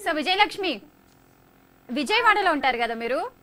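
Bright, high-voiced woman quiz host. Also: big pitch swings, normal speed. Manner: loud, teasing, mixes English into Telugu. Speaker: phone-in quiz show host. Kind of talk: lively live phone-in chat.

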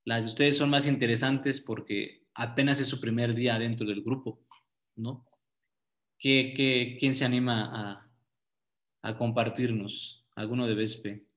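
A man's voice: medium pitch, steady tone, measured pace, a bit bright. A man leading a youth group video call as teacher, coaxing shy students to speak up.

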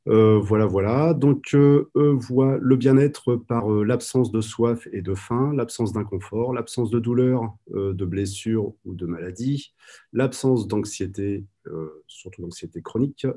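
Low, husky man presenting on a video call. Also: a little slow, dark tone. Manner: hesitant, many "euh" fillers. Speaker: guide dog trainer presenting at a conference. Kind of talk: online conference presentation.

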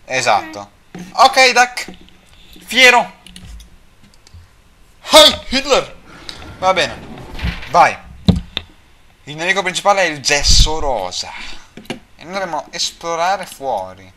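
A man's voice: on the high side, big pitch swings, slow pace, pauses often, sharp tone, a little hiss or hum. A young man doing joking, swearing commentary over a video game he plays, with game music behind. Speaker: let's play commentator. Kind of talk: excitable gameplay commentary.

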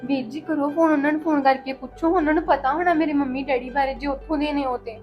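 A woman's voice: sits high, steady tone, fast, dull audio, soft background music, lightly acted. A young woman playing a wife beaten by her in-laws, crying and pleading in a village family drama. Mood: tearful. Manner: pleading and tearful.

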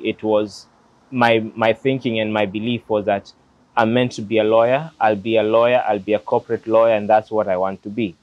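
Beside a glass building outdoors, an interviewer listens as a Kenyan-accented lawyer in his late twenties relates his story, reflective and sincere but relaxed. He speaks on the low side with a slightly mellow quality. The lapel-mic recording is dry and lo-fi.

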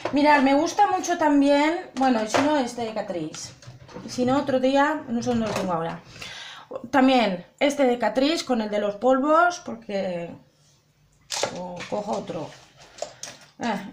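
Chatty high-voiced woman vlogger. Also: slight background noise. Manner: chatty, addresses viewers directly, repeats herself. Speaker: beauty vlogger. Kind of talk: casual makeup tutorial.

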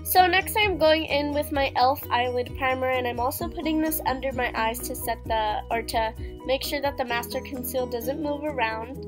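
At a moderate pace and with few pauses, a teenage girl talks through her makeup in a high, congested, nasal voice. Recorded in her home living room with music in the background, this beauty vlogger's get-ready-with-me voice-over is chatty and loaded with fillers like "um" and "like."

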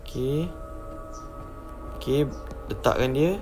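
A young man, commentating a horror game and often bursting into shouted exclamations. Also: medium pitch, slow pace, music in the background. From Malaysia. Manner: excitable, frequent shouted exclamations. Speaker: gaming YouTuber.

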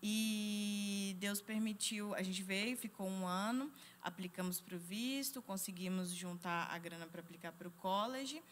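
A woman in her thirties, a guest on a studio talk panel, telling her story in a quick, chatty way into a handheld mic. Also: mid-range voice, slight background noise. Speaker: guest student. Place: TV studio set.

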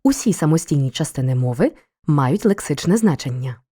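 A woman narrating a scripted school lesson for children, explaining each point in a clear, measured way. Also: sits low, expressive, mellow. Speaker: teacher.

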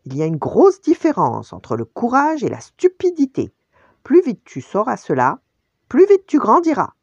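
A woman's voice: rumbling low, sing-song, a little slow, mellow, no echo, exaggerated voice. A woman voicing a wise, fatherly male lion king who speaks firmly and kindly to his son. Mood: stern. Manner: firm fatherly scolding. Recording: dull lo-fi dry recording.

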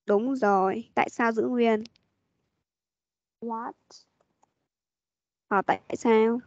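Mellow-voiced woman teacher. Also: on the high side, steady tone, drawn-out words, no echo. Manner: patient, prompting, repeats questions. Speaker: English teacher. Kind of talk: online class teaching. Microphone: video call. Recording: dull lo-fi meeting audio.

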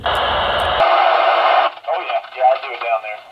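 A man's voice: medium pitch, slow. Male driver, casual radio chat over walkie-talkie, muffled lo-fi sound, heavy noise. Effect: over walkie-talkie two-way radio. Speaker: host testing radio range while driving. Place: moving vehicle on mountain roads. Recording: muffled, distant, very noisy radio in vehicle.

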